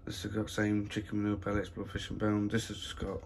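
A man with a low, monotone voice talks casually through a phone walk-through of his plot, full of fillers. Wind and outdoor noise sit clearly behind him. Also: a little fast. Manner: chatty, plain-spoken, full of fillers. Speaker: allotment vlogger. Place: windy allotment outdoors, then a room at home.

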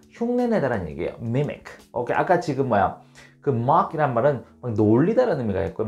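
A Korean-speaking man gives a casual English lesson, and his pitch swings up and down as he explains. He drills each phrase slowly and clearly. Faint background music plays under his voice. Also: darkish tone. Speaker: English teacher.

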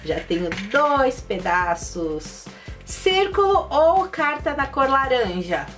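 A woman hosting a children's channel, playing a board game in an excitable, sing-song presenter way with lots of exclaiming. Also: high voice, slow pace. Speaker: kids' channel host. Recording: voice a bit far from the mic, faint music.

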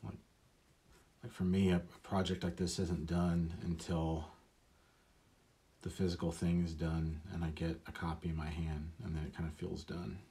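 A man's voice: low voice, little pitch movement, normal speed, warm tone. A man talking casually and rambling as he inks a drawing, often mocking himself. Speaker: illustrator. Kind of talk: casual talk while drawing.

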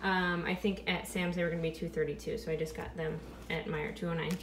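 A fast-talking woman in her thirties with a lowish voice, a mother of five, chats through her grocery haul in her home kitchen for her vlog, musing aloud about prices. The room is echoey, with steady background noise.

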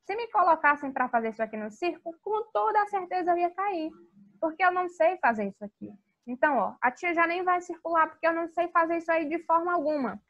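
A woman teaching English to young children in a video lesson, with a sing-song teacher manner and slowly spelled-out English words. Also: very high-pitched, animated, fairly bright tone, lo-fi sound. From Brazil. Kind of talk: recorded video lesson for kids.

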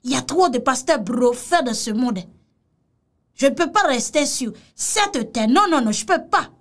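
A woman's voice: sits high, animated, normal speed, a bit bright. A woman giving casual reaction commentary on a video, mocking and exclamatory, repeating phrases.

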